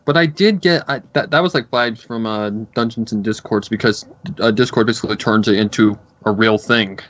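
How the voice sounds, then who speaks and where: A man's voice: lowish voice, a little fast, fairly bright tone, no room sound. A man chatting casually in commentary, explaining plot details at length. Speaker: co-host reviewing a cartoon episode. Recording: dull lo-fi recording.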